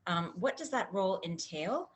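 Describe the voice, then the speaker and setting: A woman's voice: mid-range voice, animated, normal speed. A woman hosting a webinar interview who speaks hesitantly, with frequent "um"s, as she introduces and questions her guest. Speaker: interview host.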